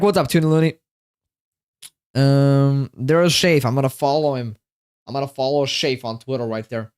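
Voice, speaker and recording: A man's voice: mid-range voice, smooth, no room sound, studio quality. A tired man livestreaming from home, chatting casually and rambling to his chat, often repeating himself.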